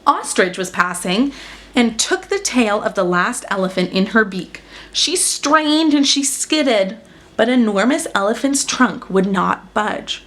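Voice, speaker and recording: A woman with a slightly high, fairly bright, animated voice reads a children's picture book aloud, unhurried. As storyteller, she narrates expressively and puts dramatic weight on action words.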